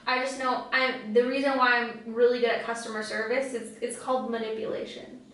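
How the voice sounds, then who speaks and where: A woman's voice: a little high, little pitch movement, fairly quick, a bit bright. A woman co-hosting a podcast in casual chat, rambling along with lots of "like" fillers. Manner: chatty, rambling, many "like" fillers. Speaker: podcast co-host. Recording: very echoey room, mic far off.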